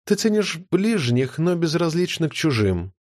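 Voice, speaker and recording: A man voicing a calm, stern female cat illusionist nanny, speaking coldly and unhurriedly in an audiobook. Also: on the high side, no echo, studio quality, pitched above the performer's own voice. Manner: cold, measured, unhurried. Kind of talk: audiobook character voice.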